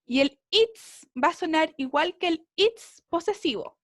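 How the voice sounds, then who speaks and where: A woman's voice: very high-pitched, lively intonation, measured pace, dry recording, studio quality. A woman English teacher explaining a lesson over a video call, patiently checking that her students follow. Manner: patient, keeps checking understanding with tag questions. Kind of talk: online class explanation.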